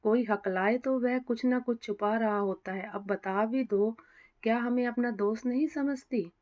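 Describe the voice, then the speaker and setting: A woman voicing a caring young married woman who coaxes and gently teases a troubled friend. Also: a little high, a little slow, highs cut off, lightly acted. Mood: teasing. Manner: warm, coaxing, gently teasing.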